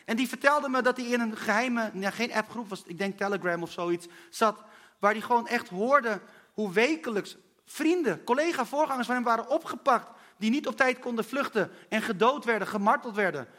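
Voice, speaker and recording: A man's voice: extremely high pitch, expressive, moderate pace, fairly bright tone. A man preaching a sermon in an earnest, personal way and speaking straight to his listeners.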